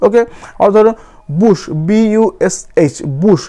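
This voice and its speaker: A man's voice: high voice, normal speed, dark tone. A man teaching a grammar lesson, spelling words out letter by letter and often checking that students follow. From West Bengal.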